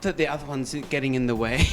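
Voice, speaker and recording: A man's voice: a little high, background noise. A man presenting on TV as a hypnosis volunteer, talking hesitantly with giggles.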